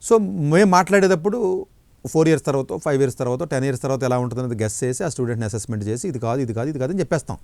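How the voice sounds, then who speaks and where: Rapid-fire blunt man lecturing. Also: mid-range voice, a little mellow, no room sound. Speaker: education counselor. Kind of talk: interview answer.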